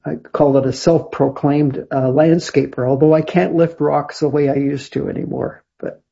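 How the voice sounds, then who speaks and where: An older man from Canada answers interview questions over a video call, rambling and restarting often. His voice is gravelly, husky and mellow, and the audio comes through dull and lo-fi. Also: a little high, steady tone, normal speed. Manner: rambling, many fillers and restarts. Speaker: guest. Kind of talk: casual interview chat.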